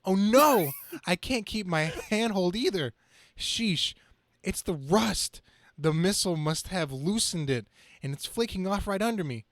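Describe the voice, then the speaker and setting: A young comic-book superhero as a man reads him out, with a fairly high male voice. He quips and describes his own action dramatically, like a student who jokes through danger. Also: lively intonation, unhurried, a bit bright, no room sound, studio quality, heavily acted. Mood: alarmed. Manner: quippy, dramatic self-narration.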